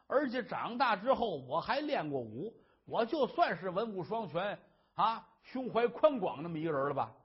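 A man's voice: high-pitched, breathy edge, voice pushed up, exaggerated voice. A male storyteller voicing a doting scholar husband who coaxes and boasts to his weeping wife. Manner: coaxing, blustering, quick-talking. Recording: dull lo-fi recording.

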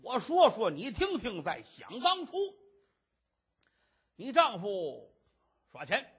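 Brief: storyteller as a smug lecherous villain, husky, lo-fi. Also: mid-range voice, wildly swooping pitch, takes it slowly, heavily acted. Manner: smug, coaxing, laughing. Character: gloating lecherous gambling-den boss. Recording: dull lo-fi recording.

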